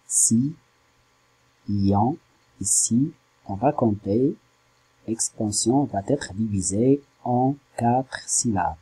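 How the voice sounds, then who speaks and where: Un homme, professeur de littérature, qui explique un poème lentement et en hésitant, en découpant les syllabes. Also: male voice, lowish voice, dark tone, slightly rough, poor audio. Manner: slow, hesitant, spells out syllables. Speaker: French literature teacher. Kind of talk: slow classroom explanation.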